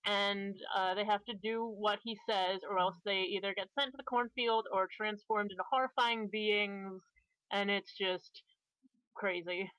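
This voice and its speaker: A woman's voice: mid-range voice, steady tone, measured pace, a bit bright, smooth, no room sound, low-quality recording. A woman voice actor chatting on a video call, bubbly and rambling as she explains things. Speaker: voice actor playing extras. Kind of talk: casual chat. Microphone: video call microphone.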